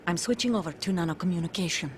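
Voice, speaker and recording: A woman's voice: lowish voice, racing, slight background noise, natural voice. An actress voicing a tough young female soldier in a video game, terse and grave, with controlled delivery. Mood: terse, urgent. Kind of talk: dramatic video game cutscene acting.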